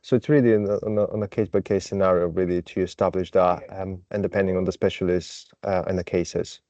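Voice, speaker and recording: Hesitant, measured man over a video call, low voice, dry line. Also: fairly even intonation, mellow, no echo, lo-fi sound. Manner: measured, hesitant, with many pauses. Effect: heard over a video call. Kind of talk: meeting contribution.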